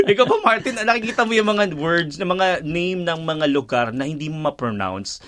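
A man's voice: fairly high pitch, animated, normal speed, a bit bright, faint music behind. A man hosting a casual radio chat, talkative and laughing often, trailing off with fillers. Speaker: radio host.

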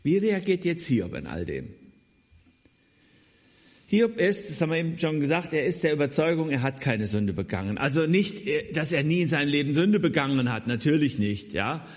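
A man gives a Bible talk in a relaxed, conversational way, addressing his listeners directly. His voice sits slightly higher than most men's. He pushes up for emphasis and falls low and soft for reflective asides. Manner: voice swings between raised emphasis and quiet low asides. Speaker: preacher.

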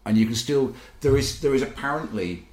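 A man's voice: medium pitch, expressive, darkish tone. A man in a casual discussion, talking in long rambling sentences and correcting himself as he goes. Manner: rambling, self-correcting, talks fast. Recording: echoey room.

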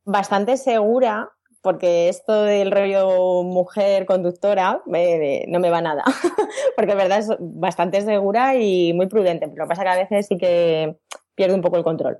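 A woman's voice: mid-range voice, measured pace, mellow. A woman, a guest podcaster in casual chat, chatty and laughing.

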